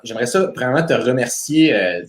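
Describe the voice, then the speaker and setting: A man's voice: mid-range voice, expressive, brisk, roomy sound. A man with a Québécois accent hosting a live stream interview, casual and full of fillers. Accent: Québécois French. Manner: casual, many fillers and restarts. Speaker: host.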